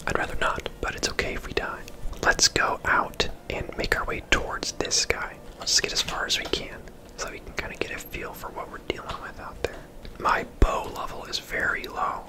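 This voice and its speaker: On poor audio, a streamer and video game host keeps up a whispered, chatty ASMR commentary near the microphone, moderately paced and drifting into tangents and asides.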